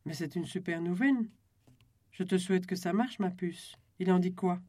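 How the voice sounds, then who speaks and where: Reader doing Marie, a lively woman friend. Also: mid-range voice, normal speed, dry recording, lightly acted. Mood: affectionate. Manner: casual, affectionate and surprised.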